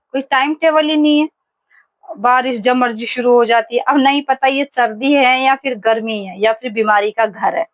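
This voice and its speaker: A woman's voice: a little high, dry recording. A woman vlogging casually at home, telling stories in a chatty way with many fillers. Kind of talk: casual home vlog chat. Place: home kitchen, indoors.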